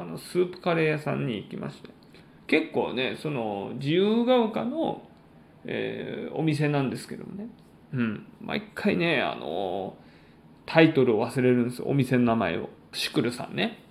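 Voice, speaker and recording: A man hosting a solo podcast, chatting in polite, formal announcer-like phrasing with frequent pauses. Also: medium pitch, big pitch swings, vocal fry, roomy sound. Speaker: podcast host and stand-up comedian.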